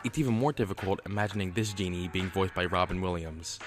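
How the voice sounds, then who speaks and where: Low-voiced man narrating a list. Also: soft background music. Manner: measured, informative.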